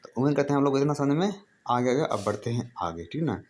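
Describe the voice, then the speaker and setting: Talking fast and expressively, this man's medium-pitched, somewhat mellow voice runs through Hindi grammar like an informal class. He addresses listeners as brother, goes over points again, and answers the questions he raises.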